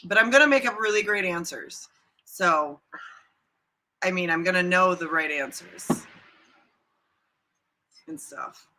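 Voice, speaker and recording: Bright-voiced giggly woman co-host. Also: on the low side, unhurried, pauses often, poor audio. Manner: giggly, playful teasing. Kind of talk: casual livestream chat.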